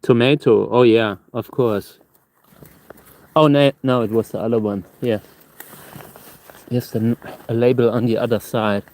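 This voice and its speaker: A man chatting casually as a livestream host, halting and restarting words, his tongue numb from hot chili so that talking is a struggle. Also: medium pitch, fairly even intonation, darkish tone. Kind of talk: casual rambling gardening livestream.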